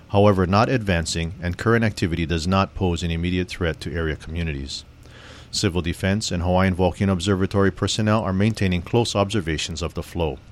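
Male announcer, very low voice, formal measured delivery of an emergency public bulletin. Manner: steady, formal, measured reading. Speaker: civil defense announcer. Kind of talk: scripted public information bulletin.

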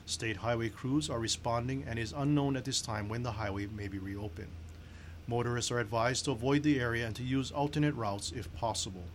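A man reading a scripted civil defense emergency announcement in a formal, serious, measured manner. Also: medium pitch, steady tone, slight background noise.

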